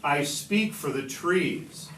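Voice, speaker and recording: A man's voice: fairly high pitch, expressive, takes it slowly, fairly bright tone. A man reading as an indignant storybook creature who guards the trees, insistent, reproachful and declamatory. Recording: distant mic, echoey room, background noise.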